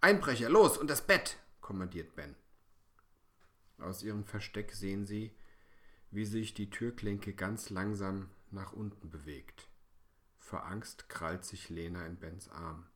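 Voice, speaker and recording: Low-voiced man reading a children's story, slow and hushed, building suspense. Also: fairly even intonation.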